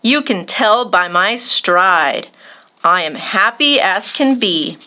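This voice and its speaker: Reading a picture book to small children, this storytime host speaks with a medium-pitched voice. Her delivery is expressive yet measured.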